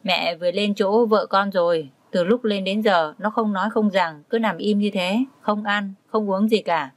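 Calm older father, lecturing gently, dry close read by a woman storyteller. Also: mid-range voice, normal speed, no echo, lightly acted. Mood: advising. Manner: reasoning, advising.

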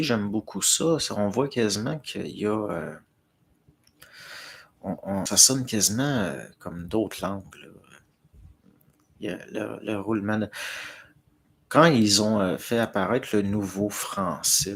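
A man's voice: fairly low pitch, breathy edge. A middle-aged man with a Québécois accent, chatting casually on a livestream and answering viewer comments in a rambling, hesitant way. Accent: Québécois French. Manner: hesitant, many fillers and restarts, talking to chat.

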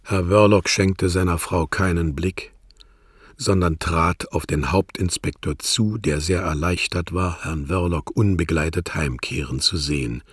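Slow, deep-voiced male narrator. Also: husky, dry recording, clean studio sound. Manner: measured, even reading. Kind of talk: scripted literary narration.

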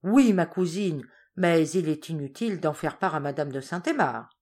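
An eighteen-year-old storybook girl pleads earnestly and sweetly, as a woman reads her lines. The voice is a touch low yet rises and falls with lively feeling. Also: normal speed.

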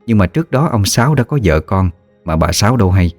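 A man narrating a ghost story in a steady, measured storytelling voice. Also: low voice, no room sound, faint music behind.

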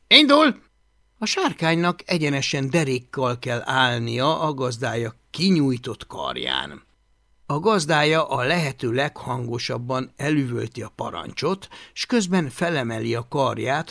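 A man reading a children's fantasy audiobook aloud with expressive storytelling. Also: mid-range voice, creaky, no room sound, clean studio sound. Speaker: audiobook reader. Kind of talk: audiobook narration.

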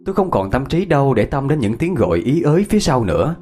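A man's voice: mid-range voice, sing-song, dark tone, breathy edge, faint music behind. Dramatic male horror storyteller. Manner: tense, dramatic, slowing for suspense. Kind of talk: first-person horror story narration.

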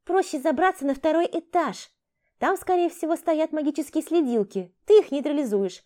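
A woman's voice: sits high, moderate pace, pitched above the performer's own voice, close to an everyday voice. A woman voicing a brash, impatient young female thief who talks in a bossy, snappish way. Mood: brisk, persuasive. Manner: bossy, snappish, sharp-tongued. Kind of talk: audiobook character voice.

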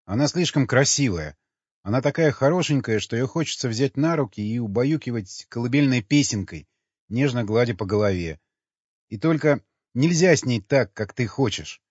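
A man reading an audiobook, voicing a gentle, protective man who speaks sincerely and earnestly. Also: medium pitch, animated, moderate pace, husky, no room sound. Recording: dull lo-fi recording.

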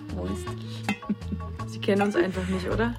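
An actress playing a self-assured woman who confides in a relaxed way, in a radio play. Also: medium pitch, normal speed, over music, natural voice. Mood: confiding. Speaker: brother's new girlfriend.

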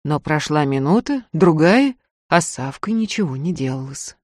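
A woman narrating a folk tale audiobook in a dramatic, expressive reading. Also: low-pitched, moderate pace, no room sound, clean studio sound. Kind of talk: storytelling narration.

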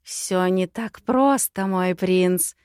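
A woman voicing a scheming, cruel witch who taunts in drawn-out, sing-song phrases. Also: medium pitch, no room sound, clean studio sound, lightly acted. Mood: gloating. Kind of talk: audiobook character voice.

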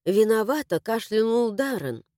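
Woman narrator, fantasy audiobook, animated and mellow, dry close read. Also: fairly high pitch, unhurried, dry recording. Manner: expressive, animated storytelling.

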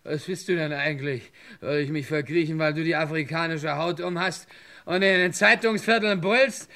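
An actor playing a jealous, drunken young fiancé with a gravelly, slurred and sneering delivery in a 1960s radio drama. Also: male voice, a little high, steady tone, moderate pace. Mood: jeering. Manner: slurred, sneering, swings loud to muttered.

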